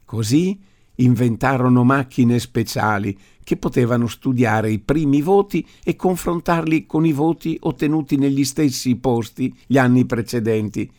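A man voicing a stubborn old grandfather in an audiobook reading, speaking forcefully and with indignation. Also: mid-range voice, normal speed, lightly acted. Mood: explaining. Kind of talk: audiobook character voice.

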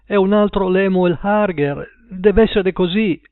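A man's voice: high voice, fairly even intonation, takes it slowly, smooth, no room sound, pitched above the performer's own voice. A man reading an audiobook and voicing a desperate, cheating husband who pleads anxiously. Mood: desperate pleading. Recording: tinny phone-like line.

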